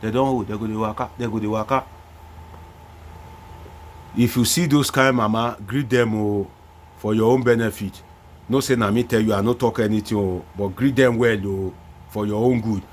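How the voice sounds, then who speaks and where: A Nigerian man giving animated political commentary, singing chants and mimicking voices, with loud bursts and hushed asides. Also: lowish voice, moderate pace, long pauses, slight background noise. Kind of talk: animated commentary mixing Pidgin and Yoruba.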